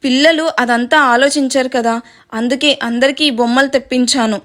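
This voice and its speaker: A woman's voice: sits high, fairly even intonation, normal speed, fairly bright tone. A woman reading the lines of a playful, impatient rich young man who scolds. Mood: scolding.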